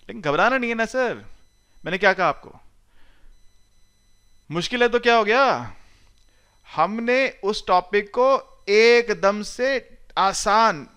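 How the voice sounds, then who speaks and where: High, bright-voiced middle-aged male teacher. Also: smooth. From India. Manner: chatty, reassuring, mixes English phrases into speech. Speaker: math teacher. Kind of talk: recorded lecture.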